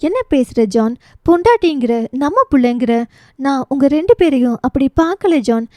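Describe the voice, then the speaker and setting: Woman reading the part of a rattled young guy in a storybook romance, pleading, higher voice, mellow. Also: animated, normal speed, dry recording. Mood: alarmed. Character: young man, anxious, flustered husband-friend.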